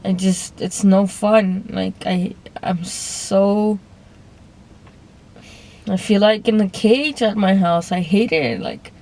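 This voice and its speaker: A woman's voice: medium pitch, slow pace, a little mellow. Young woman, casual vlog, hesitant rambling delivery, restarts and trailing off, phone camera. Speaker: vlogger. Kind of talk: casual confessional monologue.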